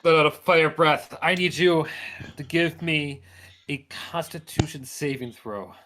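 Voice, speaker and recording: A man narrating a tabletop game as game master in an informal, halting storytelling way. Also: a little high, sharp tone.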